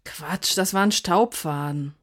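A man's voice: high-pitched, normal speed, darkish tone, pitched above the performer's own voice, natural voice. A man voicing a sarcastic, sleepy woman, the narrator's partner, teasing and nagging in a humorous story reading.

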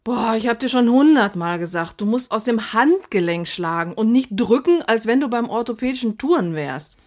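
A man's voice: high voice, normal speed, a little mellow, voice pushed up, natural voice. A dry, nagging woman who teases her partner without mercy, as a male storyteller raises his voice for her. Her voice sits well above the teller's and comes out a little thinner than his, and she picks at him in a humorous story reading. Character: sarcastic sleepy adult woman, the narrator's partner.

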